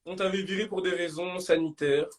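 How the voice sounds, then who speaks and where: A young man hosting a live stream in casual banter, slangy and bursting into shouts. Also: sits high, fairly even intonation, fairly quick.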